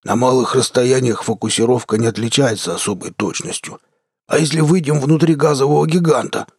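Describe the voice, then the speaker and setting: A man voicing a calm, fatherly blue giant starship captain with a deep bass voice, in an audiobook reading. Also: slightly rough, dry recording, studio quality. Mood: dry. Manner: unhurried, fatherly, soothing. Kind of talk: audiobook character voice.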